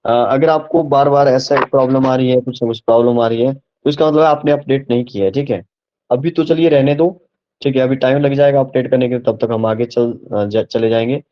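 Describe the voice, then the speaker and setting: A man's voice: mid-range voice, fairly even intonation, brisk, lo-fi sound. A man teaching a live online class, repeating points and asking the students if they follow. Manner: patient, repeats and checks understanding. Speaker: online tutor.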